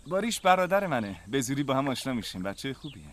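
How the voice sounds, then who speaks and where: A man's voice: mid-range voice, sing-song, a little hiss or hum, lightly acted. An actor dubbing a sly, teasing young man in a TV drama. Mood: smug. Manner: smug, teasing. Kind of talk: dubbed TV drama. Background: music.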